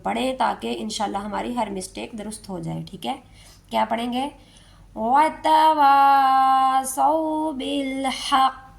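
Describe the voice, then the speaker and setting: A woman, teaching Quran recitation step by step, explaining slowly and chanting verses drawn out. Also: medium pitch, creaky, a little mellow.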